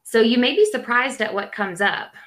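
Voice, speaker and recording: A woman's voice: fairly high pitch, normal speed, fairly bright tone. A woman casually explaining an astrological forecast in a conversational way.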